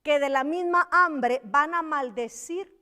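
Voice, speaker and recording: A woman pastor, preaching a sermon in an animated way, acting out Bible voices and calling her listeners brother. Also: sits high, takes it slowly.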